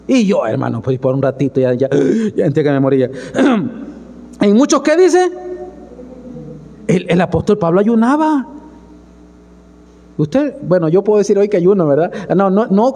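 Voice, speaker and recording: A man's voice: sits high, a little mellow. A man, preaching fervently as pastor and asking the congregation questions. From El Salvador. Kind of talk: sermon. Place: church hall. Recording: long church hall reverb.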